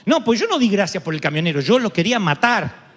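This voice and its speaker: Un pastor argentino de voz aguda predica con una energía teatral, alternando relatos con humor y gritos repentinos. Su voz resuena con una larga reverberación, como en un gran salón de iglesia. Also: male voice, high voice, quick pace. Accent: Argentine Spanish. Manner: animated storytelling with sudden shouts and humor. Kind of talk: sermon. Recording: long reverb of a large hall.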